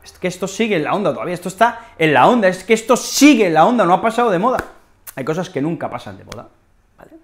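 Expressive Spanish-accented woman teaching. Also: lowish voice, quick pace. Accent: Spain. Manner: expressive, repeats key phrases, acts out examples. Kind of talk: teaching a language lesson.

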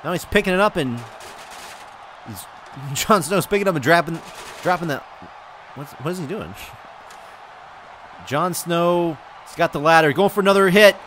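An excitable man calls a wrestling video game match play by play, often breaking into shouts and exclamations. His voice sits high and comes across bright and sharp. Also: normal speed, pauses often, a little hiss or hum. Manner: addresses viewers as folks.

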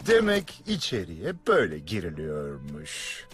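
A man's voice: low-pitched, wildly swooping pitch, unhurried, heavily acted. A man playing a big, self-serious, deluded turkey commando in a cartoon dub, making dramatic military pronouncements. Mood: solemn, commanding. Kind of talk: Turkish cartoon dub acting. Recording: film soundtrack with music underneath.

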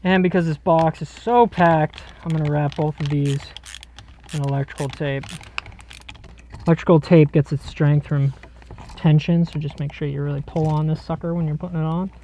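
A man's voice: on the high side, steady tone, normal speed, mellow, a little hiss or hum. A man explaining electrical work on the job in a cramped basement, in a casual, joking way. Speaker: electrician host. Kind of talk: explaining on-the-job wiring to camera. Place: cramped basement crawl space.

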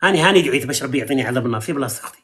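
A man's voice: medium pitch, animated, rapid-fire, a bit bright. A man with an Algerian accent hosting a live stream, arguing and lecturing callers in a heated debate. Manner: argumentative, lecturing.

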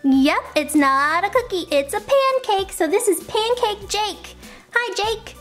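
A woman's voice: extremely high pitch, lively intonation, measured pace, a bit bright, soft background music. A woman hosting a toy unboxing, gushing and cooing as she opens each little figure. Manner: gushing, cooing over tiny toys. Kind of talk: excited toy unboxing chat.

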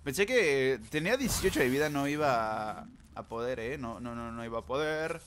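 A man chatting through a match, voice in an ordinary middle register. He talks straight to his viewers and rattles off repeated words when the action heats up. Steady background noise and clicking sit under the voice. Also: medium pitch, moderate pace. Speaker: gamer. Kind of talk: live gameplay commentary.

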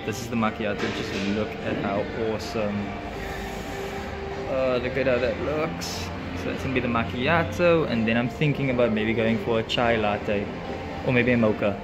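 A young man with a medium-pitched voice vlogs excitedly into his phone camera, held at arm's length without a lapel mic, while reviewing an indoor cafe filled with classic cars. He peppers his talk with fillers like "like" and "guys," and loud cafe music plays over the phone audio.

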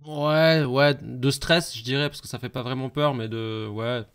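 A man on a gaming podcast recounts the games he has been playing in long, lively runs of casual talk. His voice is smooth and resonant, at a middle pitch, and it sounds dry and close. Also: unhurried, no room sound. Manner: talkative, animated recounting of games. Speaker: podcast co-host.

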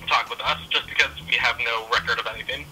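A man's voice: medium pitch, fairly even intonation, fast talker, background noise. A man working in a shop, speaking over a phone line in casual, polite, somewhat hesitant customer-service talk. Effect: telephone. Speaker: retail store employee. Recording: voice heard over phone call.

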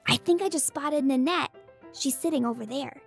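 A woman voicing a bright young girl explorer in a children's audio drama, explaining history facts in a clear storytelling way. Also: high-pitched, normal speed, faint music behind. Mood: excited.

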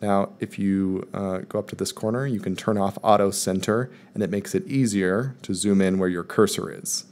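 A man calmly walking viewers step by step through a screen-recorded software tutorial, in voice-over. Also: sits low, moderate pace, hardly any pauses. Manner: calm step-by-step explaining. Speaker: math teacher presenting a tutorial. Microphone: voice-over recorded over screen capture.

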